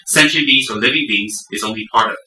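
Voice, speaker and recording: A man gives a Buddhist dharma talk to a room, his voice sharp and ringing. He drives each point home by stacking repeated words. The sound is roomy and picked up from some distance away. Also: mid-range voice, fast. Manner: emphatic, piles up repeated words for stress. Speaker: Buddhist teacher. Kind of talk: live dharma talk to an audience. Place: room with a live audience.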